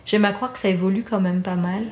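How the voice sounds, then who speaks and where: A woman's voice: mid-range voice, steady tone, quick pace. A woman from France leading a casual songwriting session in a studio, guiding the steps and reading lyrics aloud. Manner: guiding, self-deprecating, reads lyrics aloud. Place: recording studio.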